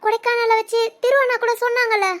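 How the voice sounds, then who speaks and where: A woman voicing an anxious young college girl talking to her older brother in an animated drama, with a Tirunelveli Tamil accent. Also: very high voice, quick pace. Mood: pleading. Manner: fretful, pleading.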